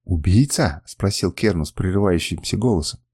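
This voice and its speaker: A man reading a first-person adventure novel aloud, telling it in a dramatic, expressive way. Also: mid-range voice, normal speed, dry recording. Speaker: audiobook narrator. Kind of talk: scripted first-person narration.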